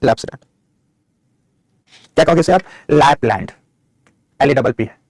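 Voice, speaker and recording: A man's voice: mid-range voice, measured pace, a little mellow, dry recording, clean studio sound. A middle-aged male geography teacher, giving an online map lecture, answering students' chat questions and dictating notes.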